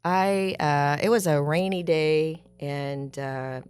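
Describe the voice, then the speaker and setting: Low-voiced chatty woman co-host. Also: fairly even intonation, takes it slowly, darkish tone, clear, resonant tone. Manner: chatty, laughing often. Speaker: podcast co-host. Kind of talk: casual chat and storytelling.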